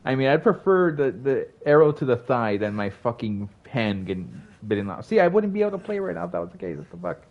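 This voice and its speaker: A man's voice: medium pitch, sing-song, fast talker, phone-quality sound. A young man streaming a horror game, reacting with panicked, swearing outbursts and running commentary. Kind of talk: live gameplay commentary.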